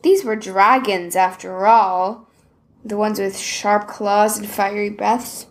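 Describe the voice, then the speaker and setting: Woman reading a children's story slowly. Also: medium pitch. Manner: slow, gentle and expressive.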